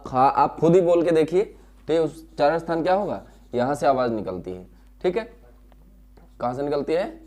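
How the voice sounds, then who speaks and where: A man's voice: on the high side, darkish tone. Male teacher, classroom lesson: patient, repeats terms, sounds out syllables, answers his own questions.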